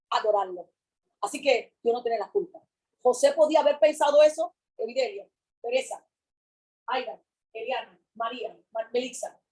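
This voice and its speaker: Picture a woman preaching with a high voice. She repeats her lines with fervor and swings between loud calls and hushed words. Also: rough recording. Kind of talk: sermon.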